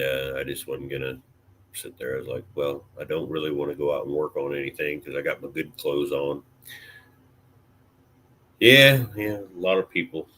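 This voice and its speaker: Laid-back deep-voiced man chatting casually. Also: fairly bright tone. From Illinois, USA. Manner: laid-back, rambling, with many fillers and mild swearing. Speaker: vlogger chatting with live viewers. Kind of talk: casual live-stream chat.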